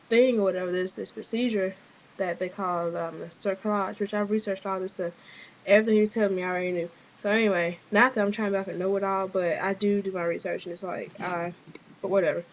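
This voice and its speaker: Young woman rambling thru a vlog update, lots of um and like, kinda fed up, medium pitch. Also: poor audio. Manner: rambling, frequent fillers and restarts; frustrated, offhand. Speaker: vlogger. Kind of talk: casual video diary update.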